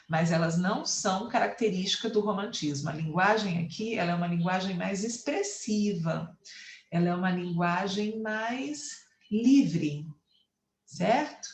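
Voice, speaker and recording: A woman's voice: medium pitch, roomy sound. A Brazilian woman teacher with a Brazilian Portuguese accent, explaining a lesson patiently and counting syllables aloud. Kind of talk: online class lecture.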